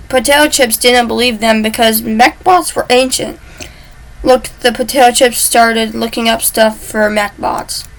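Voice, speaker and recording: A woman's voice: fairly high pitch, gravelly, fairly bright tone, rough recording. A woman casually telling a made-up story, chatty and stumbling over words as she goes. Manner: chatty, stumbles and restarts mid-word.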